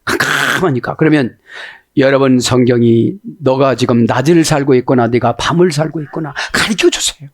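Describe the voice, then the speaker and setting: A man's voice: medium pitch, dry recording. A man preaching as a pastor, explaining Hebrew scripture words and often checking in with listeners using short tag questions. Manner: slows down to spell out word grammar.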